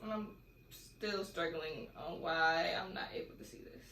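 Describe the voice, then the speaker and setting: Her voice is lowish and a bit bright, with a measured pace, as this young California woman chats through a rambling Q&A vlog at home. The room is echoey and carries faint background noise.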